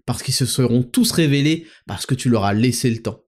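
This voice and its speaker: A man's voice: mid-range voice, expressive, brisk, a little mellow. A young man hosting a casual monologue vlog while walking, talking in a crude, rambling, ranting way. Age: young adult. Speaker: host.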